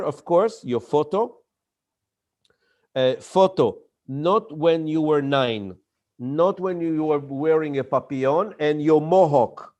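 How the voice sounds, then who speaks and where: A man for whom English is not his gives an emphatic lecture on startup pitching, repeating key words and acting out examples. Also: mellow.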